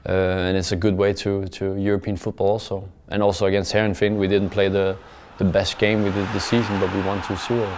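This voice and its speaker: A young man who plays football gives post-match interview answers in careful English, his low voice flat and level. His speech is halting, plain, and measured, with frequent repeated words and "uh" fillers, and his sentences die away quietly. There's a little hiss or hum.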